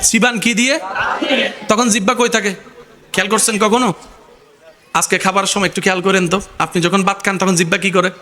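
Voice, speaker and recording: Man preaching loud and high, bright sharp voice, keeps getting the crowd to shout back. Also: fairly even intonation, brisk, long pauses. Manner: calls on the crowd to respond; often shouts in a high, strained pitch. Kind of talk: sermon.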